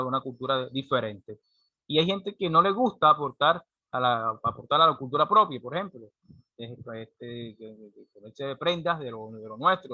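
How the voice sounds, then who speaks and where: In a classroom lecture, a man explains material, often tossing in a rhetorical "¿cierto?" to check in. He's a teacher with a mid-range, bright voice and a forceful tone, and the recording is dry.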